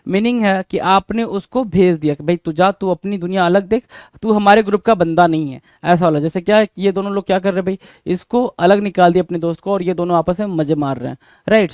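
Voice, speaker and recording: A man's voice: high-pitched, smooth, dry recording, studio quality. A man with an Indian accent, a Hindi speaker, teaches English vocabulary for exam prep and keeps asking rhetorical questions, calling the viewers "bhai".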